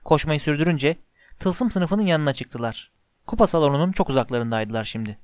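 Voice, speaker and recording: A man reading a story aloud as narrator, in a steady, expressive way. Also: a little high, moderate pace, no echo. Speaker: audiobook narrator.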